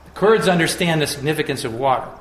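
A man giving a public lecture with slides, in a measured, emphatic way with frequent restarts and fillers. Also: on the high side, expressive, echoey room.

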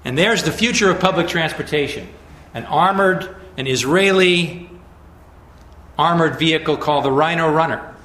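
A man giving a public lecture with slides, in a measured, emphatic way with frequent restarts and fillers. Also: a little high, a bit bright, roomy sound.

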